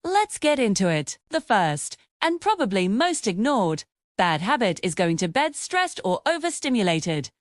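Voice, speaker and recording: Female vlogger-type host for scripted health explainer, animated intonation, very dry recording, direct address. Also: medium pitch, measured pace, dry recording.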